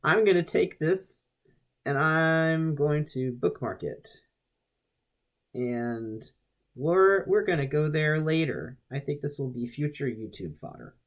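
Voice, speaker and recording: A young man casually reading a web page aloud and reacting, rambling with restarts and sudden jumps in pitch. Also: lively intonation, takes it slowly.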